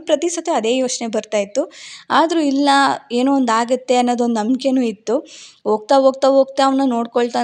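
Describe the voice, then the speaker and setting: A woman's voice: fairly high pitch, darkish tone. A young woman from Karnataka with a rural Bangalore Kannada accent, telling a personal story in a heartfelt, reflective vlog. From Karnataka, India. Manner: heartfelt, reflective, repeats phrases while recalling. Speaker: vlogger.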